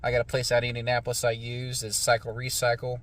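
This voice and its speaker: A man's voice: mid-range voice, completely flat delivery, quick pace, fairly bright tone. An American man talking casually to viewers as a motorcycle vlogger, in a plainspoken, folksy way. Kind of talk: casual vlog chat.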